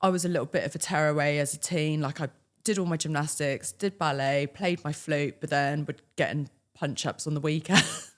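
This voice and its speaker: A woman's voice: low voice, fairly quick. A young woman, a podcast guest telling casual stories with quoted dialogue and frequent laughs. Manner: lively, laughs often, acts out quoted dialogue. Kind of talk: casual storytelling.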